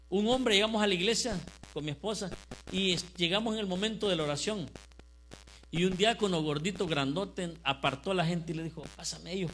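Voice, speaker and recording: A male pastor preaching a sermon in church. He speaks with impassioned fervor, builds to loud emphatic declarations, and keeps asking the congregation questions. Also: sits high, rough recording.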